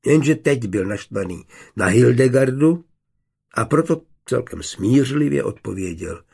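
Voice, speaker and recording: A man narrating a novel in a measured, even storytelling manner. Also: medium pitch, gravelly, husky. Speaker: audiobook narrator. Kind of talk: scripted narration.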